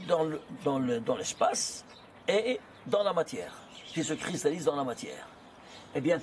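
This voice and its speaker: Animated man teaching, high lively voice. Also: gravelly, a little hiss or hum. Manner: animated, asks and answers his own questions. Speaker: Torah teacher. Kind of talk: lively lesson on gematria.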